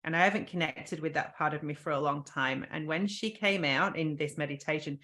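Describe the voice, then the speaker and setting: A woman's voice: low-pitched, brisk, sharp tone. A woman guest on a podcast, earnestly telling a personal story with frequent ums and restarts.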